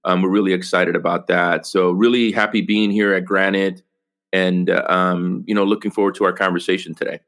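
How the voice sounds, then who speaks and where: Man from El Salvador, low voice, podcast guest, earnest, lots of ums and restarts. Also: level tone, a little fast, fairly bright tone. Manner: earnest, many fillers and restarts. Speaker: podcast guest, company executive. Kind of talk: casual interview conversation.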